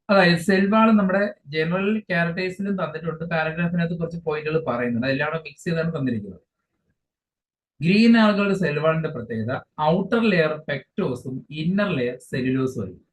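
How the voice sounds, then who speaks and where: A man teaching an exam-focused biology lesson, explaining each English term again in his own words and often pausing mid-phrase. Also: on the high side. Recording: dull lo-fi sound with faint hiss.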